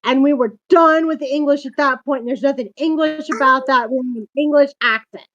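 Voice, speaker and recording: Her voice is high, a bit bright, and a little fast as she hosts this laid-back conversation. She talks chattily in long, meandering stretches full of asides, captured in dull lo-fi audio.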